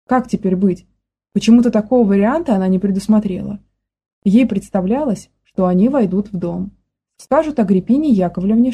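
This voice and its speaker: A woman narrating a children's story in an even, measured reading voice. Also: medium pitch, slightly rough. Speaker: audiobook narrator.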